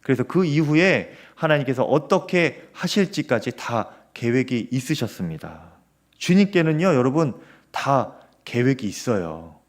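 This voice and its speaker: Male pastor, sermon delivery, lively intonation with fillers between phrases. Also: mid-range voice. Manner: earnest preaching with fillers, rising and falling emphasis. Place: church sanctuary.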